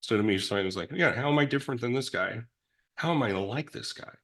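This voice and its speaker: A middle-aged man in recovery, appearing as a guest, tells his story reflectively and ramblingly, with many restarts and self-deprecating asides. He's a fast talker with a big, loud, expressive voice of medium pitch.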